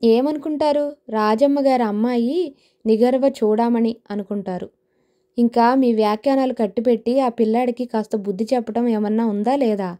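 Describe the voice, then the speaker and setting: A woman's voice: a little high, steady tone, normal speed, dark tone, lightly acted. A woman reading a joking middle-aged father. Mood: mock-stern. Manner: wry, joking. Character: teasing good-humoured father, middle-aged man.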